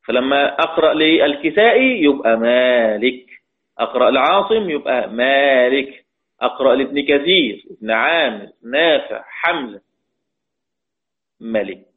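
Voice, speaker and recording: A man teaching a religious lesson on Quran recitation rules, explaining step by step and asking his students questions. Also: mid-range voice. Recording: tinny phone-like audio.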